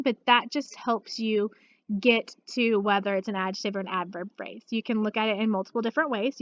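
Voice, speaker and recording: A woman teacher walking students through a recorded grammar lesson, patient and steady, checking in often with "okay.". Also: fairly high pitch, highs cut off. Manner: patient, steady, uses many "okay" and "all right" check-ins. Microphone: computer mic.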